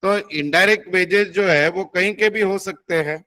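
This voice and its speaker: A man's voice: sits high, normal speed, bright, forceful tone. Man teaching accounting class. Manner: coaxing, addresses students as beta, quizzes them. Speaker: accounting tutor.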